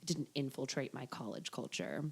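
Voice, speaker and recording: A woman's voice: extremely low pitch, animated, normal speed, gravelly, a little mellow, husky. A woman in her twenties, a podcast guest, chatting casually with frequent laughs and trailing asides.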